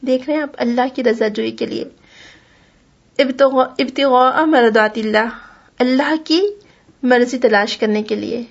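A woman's voice: a little high, gravelly, muffled recording. A woman teaching a Quran class, explaining patiently, repeating key points and reciting Arabic verses. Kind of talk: religious lesson.

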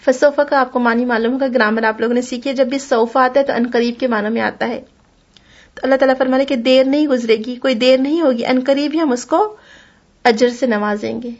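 A woman with a high voice gives a religious lesson to a class. She explains patiently and goes back over key points, now and then reciting verses. The recording sounds slightly dull and lo-fi. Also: steady tone. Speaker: Quran teacher.

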